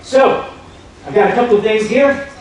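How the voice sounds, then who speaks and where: A man's voice: high voice, expressive, normal speed. A man performing as a stage magician, teasing and joking with the audience. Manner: joking, teasing the audience, bursts of loud hype. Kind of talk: live magic show banter. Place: large theater on a cruise ship. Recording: echoey hall recorded from far off, crowd noise. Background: audience chatter and laughter.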